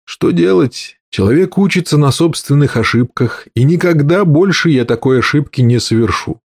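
A man reading an audiobook and voicing an angry middle-aged inventor with a slightly husky note, explaining at length. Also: a little high, expressive, moderate pace, darkish tone, no echo, clean studio sound. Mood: bitter.

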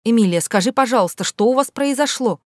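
A woman's voice: mid-range voice, animated, normal speed, darkish tone, no echo, studio quality, lightly acted. A woman voicing a nosy middle-aged female teacher who pries with an ingratiating tone. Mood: prying. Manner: ingratiating, prying.

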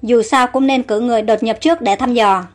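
A woman's voice: a little high, fairly even intonation, a little fast, soft background music, close to an everyday voice. A woman voicing a proud, fierce young Amazon warrior queen in a storybook reading, urgent and commanding. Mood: calm.

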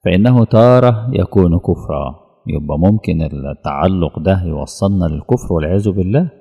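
A man with an Egyptian accent giving a religious lesson in a lively colloquial way, acting out little dialogues. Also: sits low, a little fast, gravelly, breathy edge, long reverb tail, muffled recording. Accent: Egyptian Arabic. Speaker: preacher.

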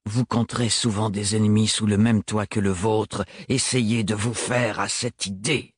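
A severe, cold man, as a male narrator puts him on, speaks in a low, curt monotone with a husky edge. The reading is close and dry, as in an audiobook. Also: measured pace, dry recording. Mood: stern.

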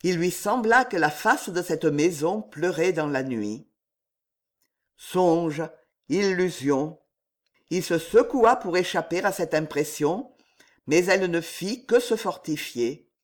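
A reader narrating an audiobook in a slow, expressive storytelling manner. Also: medium pitch.

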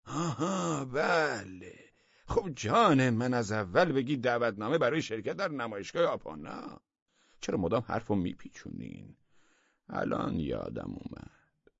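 Guy doing a pompous minister, drawls, husky, dry sound. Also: medium pitch, big pitch swings, no echo, muffled recording, voice pushed up, heavily acted. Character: self-important male government minister, forgetful.

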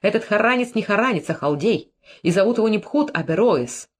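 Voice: mid-range voice, expressive, brisk, pitched above the performer's own voice, natural voice. A reader doing a hot-tempered proud prince. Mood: contemptuous. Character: proud, quick-tempered male Phoenician prince. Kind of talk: audiobook character reading.

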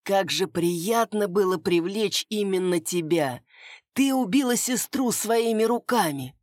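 A woman voices a cruel, scheming male king, gloating and mocking in a medium-pitched, slightly mellow voice that is pitched above her natural one. She speaks a little slowly and with animation, and the studio recording is clean with no room sound.

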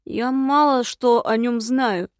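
A woman's voice: on the high side, slow pace, no room sound, studio quality. Woman doing a grumbling eared imp. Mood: glum.

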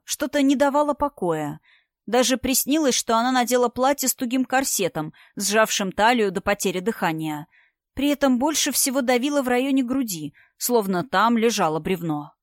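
A woman narrating a novel in an even, storytelling manner as an audiobook reader. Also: fairly high pitch, dry recording, clean studio sound. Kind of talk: scripted narration.

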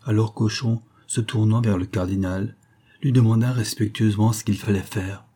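A man reads a history book aloud in a measured, even audiobook narration. His voice sits low, with a mellow, soft tone and a husky grain.

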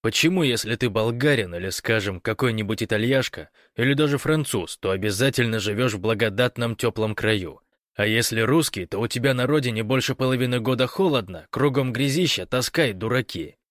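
A man's voice: mid-range voice, fairly quick, fairly bright tone, no room sound, clean studio sound, natural voice. A man voicing Gosh, a grumbling, sardonic young man who complains and snaps at his friends. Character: grumbling, envious young man stuck at a switchboard.

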